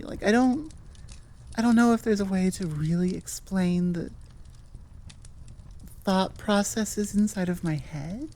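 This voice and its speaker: Here a woman with a lowish, warm voice hosts her audio roleplay channel. She chats with listeners in a loose, rambling, open manner.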